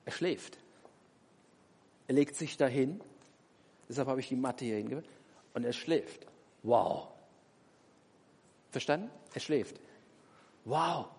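A man's voice: mid-range voice, expressive, takes it slowly, gravelly, long pauses, a little mellow, breathy edge. A man preaching a sermon, driving his points home with emphatic rhetorical questions. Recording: long hall reverb.

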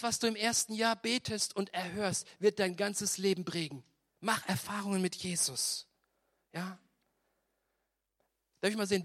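A man preaching a lively sermon, telling a story with acted-out voices and often asking "ja?" of the congregation. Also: high-pitched. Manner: animated storytelling with voiced asides; tags many sentences with "ja?". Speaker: pastor.

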